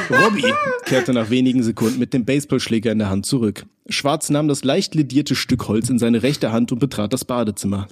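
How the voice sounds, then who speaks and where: A man's voice: medium pitch, heavy background noise. A man reading his own crude comedy story aloud in a casual way, often laughing as he goes. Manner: keeps breaking into laughter, crude and irreverent. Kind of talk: casual comic read-aloud.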